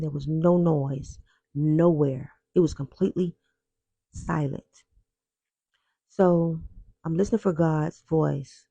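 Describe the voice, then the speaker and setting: A man telling his personal testimony in an earnest, reflective way, often pausing and repeating himself. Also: a little high, warm tone, dry recording. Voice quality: gravelly.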